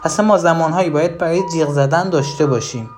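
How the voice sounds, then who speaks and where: A parenting advisor giving direct advice to the listener, asking rhetorical questions and shifting between lively and low, emphatic tones. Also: soft background music.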